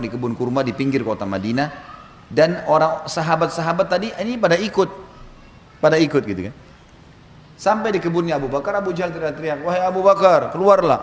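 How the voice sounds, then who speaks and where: A male preacher telling a story in a sermon, lively and chuckling, acting out the voices of the people in it. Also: medium pitch. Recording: echoey hall reverb, faint ambience.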